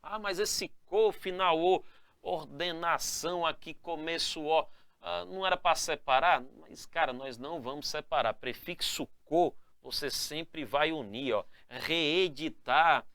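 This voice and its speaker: A man teaching a spelling lesson with lots of energy, calling his viewers "galera" and checking in with "né?" and "tá?" after each point, and drawing out key words slowly to stress them. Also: on the high side, no room sound. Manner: energetic, calls the viewers "galera" and "moçada", ends phrases with "né?" and "tá?". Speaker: Portuguese grammar teacher. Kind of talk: lively spelling lesson to camera.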